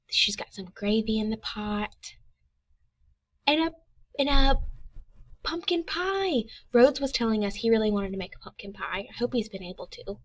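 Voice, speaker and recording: A young woman teaching a reading lesson to young children, upbeat and animated, reading book lines slowly. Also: fairly high pitch.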